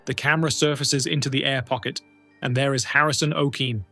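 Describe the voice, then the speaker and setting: A man's voice: medium pitch, fairly even intonation, a little fast, vocal fry, bright, forceful tone, soft background music. A man giving scripted documentary narration, telling a true story in a dramatic, suspenseful way.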